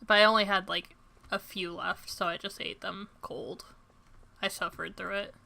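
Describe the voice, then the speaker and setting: A young woman streaming a farming game, chatting to her viewers at a desk mic. Her voice is bright and forward, with self-deprecating asides, and keyboard typing clicks behind her. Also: mid-range voice, fairly even intonation, normal speed, vocal fry. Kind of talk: casual gameplay commentary.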